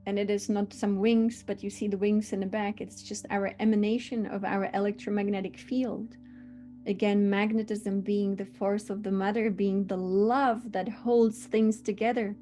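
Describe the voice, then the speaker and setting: Woman, spiritual teacher, warm mellow tone, earnest and unhurried delivery. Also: medium pitch.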